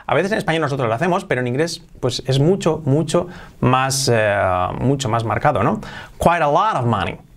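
A young man with a Spanish accent from Spain, teaching an English lesson in Spanish. He speaks with energy and repeats English phrases slowly, then quickly. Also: medium pitch, animated. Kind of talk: bilingual video lesson.

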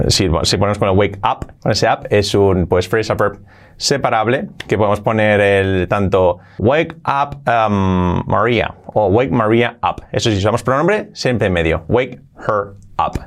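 A man, hosting a podcast as an English teacher in a casual lesson, who drills words by slow repetition and adds chatty asides. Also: fairly low pitch.

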